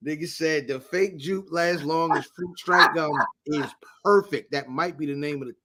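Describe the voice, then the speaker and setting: A man's voice: fairly high pitch, moderate pace, heavy background noise. A man co-hosting a podcast, telling loose, slangy stories in casual chat. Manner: laid-back storyteller, slangy, repeats "you know what I'm saying". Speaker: podcast co-host.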